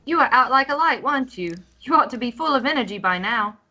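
A woman's voice: high voice, animated, fast, pushed and bright, exaggerated voice. A woman voicing a cheerful, caring mother from a video game in a sweet, upbeat read. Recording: dull lo-fi sound.

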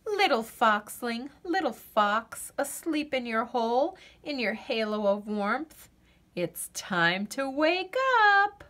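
Using a fairly high-pitched voice, a female storyteller reads a children's picture book aloud, gently and expressively, pausing deliberately for drama.

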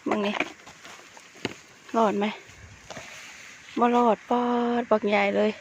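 A woman with an Isan accent giving excited, chatty running commentary to her viewers while foraging outdoors in the countryside. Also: mid-range voice, takes it slowly, gravelly, highs cut off, a little hiss or hum. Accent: Isan (Northeastern Thai). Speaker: vlogger foraging wild mushrooms. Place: outdoors in rural scrubland.

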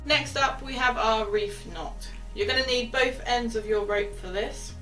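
Unhurried and somewhat high-voiced, a young woman who instructs sailing takes viewers through knot-tying step by step in a chatty style, with quiet asides as her hands work the rope. She's recorded close to a camera in a small wooden cabin, faint music behind her.

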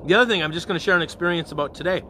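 A male parish priest speaking in a slightly high voice, with a faint hum of noise in the background. He gives a relaxed evening prayer reflection and often pauses to check in with his listeners. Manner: conversational, often checks in with "okay?" and "all right?".

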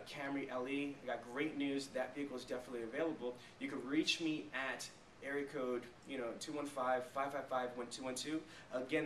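A man in his thirties speaks to a small group at medium pitch with a somewhat bright tone. His sales training talk is emphatic and peppered with rhetorical check questions. The small meeting room has a flip chart, and a camera mic a few metres off records it with echo and faint noise.

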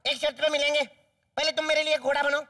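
A man playing a cheeky, teasing young boy in a stage comedy sketch, firing off quick taunts. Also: extremely high pitch, little pitch movement, sharp tone, no room sound, clean studio sound, distant mic. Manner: cheeky, teasing, rapid quips. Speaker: comic sketch actor. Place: TV studio stage.

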